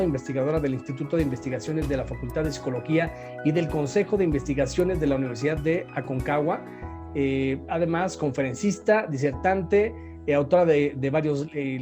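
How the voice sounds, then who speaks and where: An interview host introducing a guest at length and asking questions, pausing and restarting often. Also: mid-range voice. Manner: warm praise, many hesitations and restarts.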